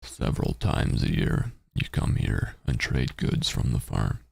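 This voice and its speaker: A man with a husky, slow voice streams a game in a close, dry sound. He reads the story text aloud with swooping pitch and drops into halting, muttered asides. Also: very animated, darkish tone, no echo. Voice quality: very deep, gravelly, husky. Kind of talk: reading game text aloud with casual commentary.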